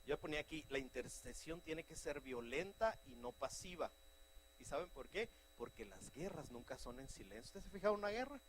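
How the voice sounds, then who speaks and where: A middle-aged man preaching a fervent sermon, telling stories and breaking into loud shouts. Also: on the high side, big pitch swings, a little fast, a little hiss or hum, poor audio. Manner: fervent, shouting bursts, anecdotal.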